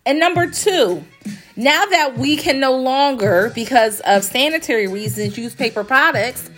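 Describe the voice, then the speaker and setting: A woman hosts a casual solo podcast in a high, animated, slightly slow voice with a bit of brightness, soft music playing behind her. She owns a graphic design company and sounds congested as she recovers from illness, chatting emphatically and repeating phrases for stress.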